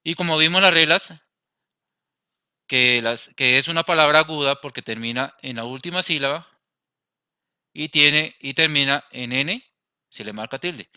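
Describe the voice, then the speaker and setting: A Colombian man teaches a grammar lesson, walking through each rule step by step and checking that his class is following. His voice is very bright and smooth. The recording is close and dry. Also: fairly high pitch, moderate pace, long pauses, no echo. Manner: explains step by step, asks the class "¿listo?". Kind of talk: grammar lesson over slides.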